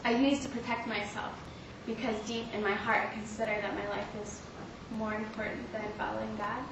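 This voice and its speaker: A young woman shares a heartfelt testimony in an earnest, halting way, often pausing on fillers. Her voice sits a little high and is picked up from a distance in a very echoey room. Steady background noise runs underneath. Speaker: speaker sharing a testimony. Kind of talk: personal faith testimony. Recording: roomy, distant mic with clear background noise.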